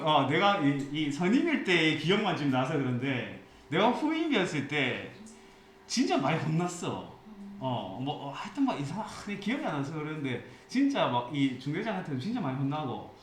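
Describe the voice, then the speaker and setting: A man teaching an English class with a Gyeongsang accent, explaining passages and telling jokey anecdotes in a lively way. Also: fairly high pitch, normal speed. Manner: lively, jokey storytelling, mixes English phrases into Korean. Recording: echoey classroom with faint hiss.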